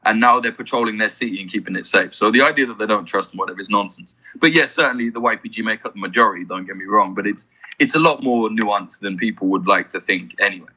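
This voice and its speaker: A man appears as a podcast guest in casual interview chat, blunt and swearing freely as he explains things in fast, run-on stretches. His voice is fairly low with a sharp tone, and the highs are cut off.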